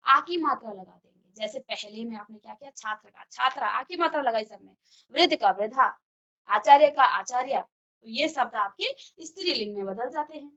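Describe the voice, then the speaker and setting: High bright lady teacher walking thru grammar rules, asks then answers herself, kinda dull lo-fi sound. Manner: explains step by step, often asks and answers her own questions. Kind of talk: classroom grammar lesson. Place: virtual classroom studio.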